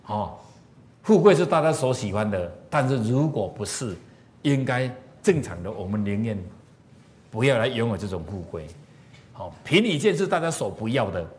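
Man, lively teacher, tells parables, quizzes the room, swooping mid-pitch voice. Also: moderate pace. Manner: animated, asks the audience questions. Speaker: moral teacher. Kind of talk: storytelling lecture to an audience.

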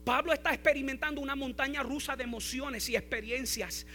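High, bright-voiced preaching man. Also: brisk, a little hiss or hum. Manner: preaching with rising intensity, repeating key phrases. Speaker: pastor. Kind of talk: sermon.

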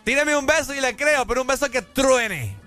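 A man's voice: very high voice, lively intonation, moderate pace, loud music behind the voice. A man with a Honduran accent bantering playfully as a radio host.

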